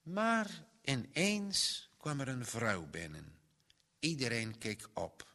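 A man reading a children's Bible story aloud with slow, expressive, tender storytelling. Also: medium pitch, big-room sound.

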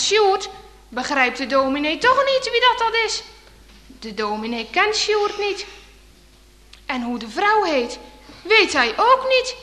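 A woman reading a children's story aloud in an expressive, suspenseful way. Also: high-pitched, long reverb tail.

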